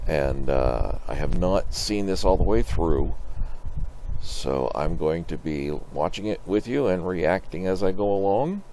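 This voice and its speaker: An older man giving halting, musing, off-the-cuff commentary in a grandpa voice, as host of a reaction video. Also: deep voice, lively intonation, dark tone. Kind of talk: casual off-the-cuff trailer commentary. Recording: slight background noise.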